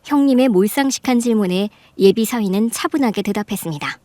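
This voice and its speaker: A voice actress playing a middle-aged mother who narrates in a measured way and confronts her sister-in-law firmly. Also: mid-range voice, dry recording, lightly acted. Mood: narrating. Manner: measured storytelling, firm and sharp when confronting. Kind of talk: Korean radio drama narration.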